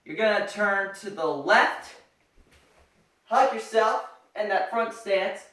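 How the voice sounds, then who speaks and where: A karate instructor teaching step by step, with sharp martial arts commands. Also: mid-range voice, animated, takes it slowly. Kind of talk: step-by-step karate demonstration lesson. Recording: echoey room, far from the mic.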